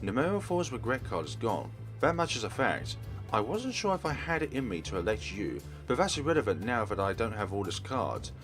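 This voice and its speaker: A man with a fairly low voice hosts a let's play, reading a visual novel's dialogue and narration aloud in character at a fairly quick pace. His pitch swings widely as he shifts between parts in a dramatic read-aloud, with soft game music behind him.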